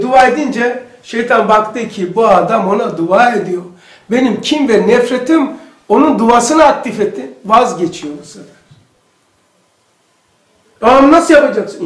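A man with a strikingly high voice delivers a casual religious lesson in a room full of echo. He tells his stories with lively energy and slips into the voices of the people he quotes. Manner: animated storytelling, acts out quoted speech. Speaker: religious teacher.

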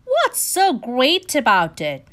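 A woman's voice: sits high, huge pitch swings, slow pace, a bit bright, full character voice. A woman voicing a grumpy, complaining young male lobster in a storybook, with a sulky, disgruntled way of talking.

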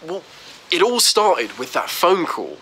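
A man's voice: a little high, big pitch swings, a little slow. Darren, a flustered hapless young man. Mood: sheepish. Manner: awkward, eager, stammering. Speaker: lead character in comedy series. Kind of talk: sitcom acting.

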